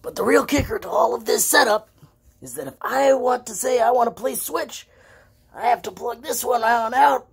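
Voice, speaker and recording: Hoarse woman, lost voice breaking into whispers. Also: on the high side, moderate pace. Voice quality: lost voice from laryngitis: hoarse, breathy, cracking into a whisper. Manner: sarcastic, grumbling, sweary. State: hoarse with laryngitis, occasional coughing. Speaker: gamer showing a home setup. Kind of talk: casual handheld vlog commentary. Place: small room at home with wooden floor. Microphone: handheld phone.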